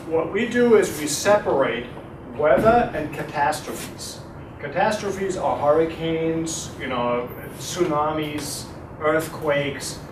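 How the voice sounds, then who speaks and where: A middle-aged man with a German accent and a fairly high-pitched voice gives a guest lecture at a university, fielding audience questions. He's relaxed and chatty, hesitant with many fillers, and quizzes the crowd. He was recorded from a distance in an echoey, noisy room.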